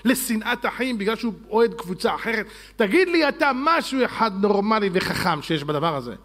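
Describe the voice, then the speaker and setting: High-voiced man preaching with scolding questions. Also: big pitch swings, fairly bright tone. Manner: fiery, scolding rhetorical questions; mocking, sarcastic asides. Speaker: rabbi. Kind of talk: Torah lecture sermon.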